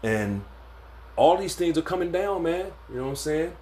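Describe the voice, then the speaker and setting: A man's voice: fairly high pitch, animated, moderate pace, a little mellow, slight background noise. A man giving an informal scripture lesson in a laid-back way, stumbling often and filling gaps with "man" and "uh". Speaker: religious teacher.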